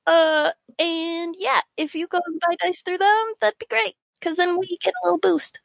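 A woman's voice: extremely high pitch, fairly even intonation, moderate pace, vocal fry, dry recording. A woman player in a tabletop game podcast, playful and giggly with a sing-song streak. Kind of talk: casual chat among players.

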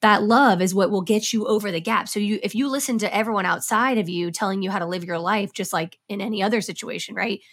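A woman's voice: medium pitch, fast, hardly any pauses, a bit bright. A woman guest on a podcast, speaking candidly and with passion, swearing freely as she talks. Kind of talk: casual interview chat.

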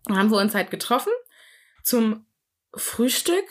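A woman's voice: a little high, big pitch swings, measured pace. Chatty young German woman telling a story. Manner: chatty storytelling, mixes English words, acts out quotes. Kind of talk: casual chat.

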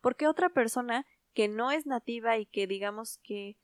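A woman's voice: fairly high pitch, normal speed, dry recording, clean studio sound. A young adult woman, co-hosting a casual podcast chat and slipping English phrases into her Spanish. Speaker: podcast co-host.

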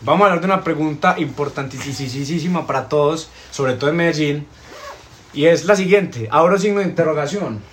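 A man's voice: a little high, brisk, slight background noise. A man hosting a casual podcast, playful and teasing, laughing often. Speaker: podcast host. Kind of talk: casual joking chat.

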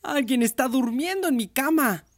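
A man voicing a tiny baby bear who speaks softly while crying. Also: very high voice, animated, moderate pace, voice pushed up. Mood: tearful. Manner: crying, soft voice.

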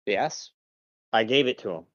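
A man voicing a shrewd male captive spy in a tabletop role-play game, answering questions in a measured, matter-of-fact way. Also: fairly low pitch, animated, fairly bright tone. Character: shrewd male captive spy, calm and loyal to his lord. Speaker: game master. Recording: dull, dry lo-fi mic.

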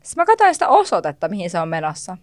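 A woman with a Finnish accent hosting a podcast in casual chat, telling stories in a lively, laughing way and swearing freely. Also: on the low side, dry recording. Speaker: podcast host.

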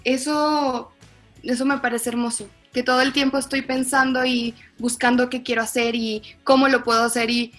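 Chatty young Venezuelan woman, high voice. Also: normal speed, soft background music. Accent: Venezuelan Spanish, softened toward neutral Mexican. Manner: chatty, expressive, uses many fillers. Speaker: actress guest. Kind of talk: casual podcast interview.

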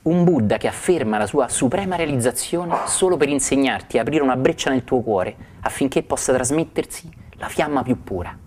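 A male spiritual teacher retells a sacred story. He pauses often to marvel at it and to turn to his listeners with warm asides. His voice sits at a middle pitch, with a faint hiss behind it. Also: expressive.

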